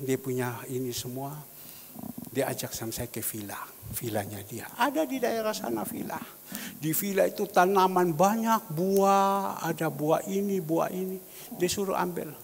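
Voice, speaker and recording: A male pastor telling a story in a sermon, animated, dropping to hushed whispers and rising to loud exclamations. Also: a little high, gravelly. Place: church hall. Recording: reverberant church hall, faint background noise.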